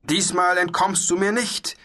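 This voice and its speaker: A man voicing a small, pompous knight who bellows his challenges in a raised, loud voice. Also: extremely high pitch, big pitch swings, unhurried, vocal fry, breathy edge, pitched above the performer's own voice, exaggerated voice. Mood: bellowing. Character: pompous young knight, blustering and bellicose.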